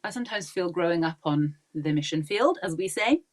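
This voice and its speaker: Her pitch is fairly low, her intonation lively, and her pace brisk. She's a woman in her forties, raised in Pakistan, guesting on a podcast where she chats warmly, laughs easily between thoughts, and fills pauses with many ums in a relaxed interview.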